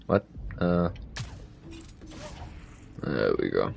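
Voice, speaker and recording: A man's voice: very deep voice, sing-song, drawn-out words, vocal fry, lo-fi sound, background noise. A man streaming a video game, chatting casually with joking, profane commentary. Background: game music.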